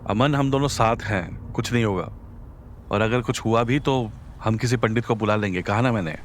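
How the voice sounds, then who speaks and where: A man's voice: lowish voice, moderate pace, a little hiss or hum, close to an everyday voice. A man voicing a brash young man who brushes off his friend's fears in a horror audio drama. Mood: dismissive. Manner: brushing off worries, casual, teasing.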